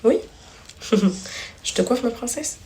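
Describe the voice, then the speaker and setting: In her home kitchen, a woman vlogger chats casually to the camera, confiding in her viewers and speaking tenderly to her children. Her voice is dark in tone and unhurried, captured from a distance in a roomy, off-mic recording with household noise in the background.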